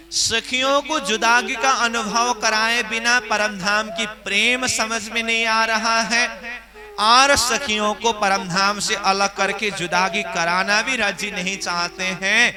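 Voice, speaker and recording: High voiced guy giving a slow spiritual talk, explains verses, chants the quotes. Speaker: spiritual discourse speaker. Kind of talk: devotional scripture discourse.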